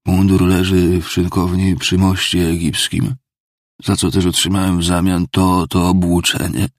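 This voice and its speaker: A man voicing a drunken, self-pitying older ex-clerk in an audiobook, rambling and pleading in a theatrical confession, gravelly and husky. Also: sits low, no echo, clean studio sound, heavily acted. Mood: confessing. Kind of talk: audiobook character reading.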